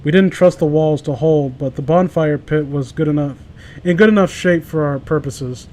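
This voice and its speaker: Chatting among friends, a man reads stories aloud in an amateur way and stumbles over words. His voice sits on the high side with a darkish tone, at normal speed, in casual banter.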